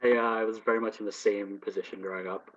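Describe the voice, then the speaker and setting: A young man hosting an interview, asking quick friendly questions. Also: lowish voice, level tone, a bit bright. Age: young adult. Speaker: podcast host. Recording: distant, dull call audio.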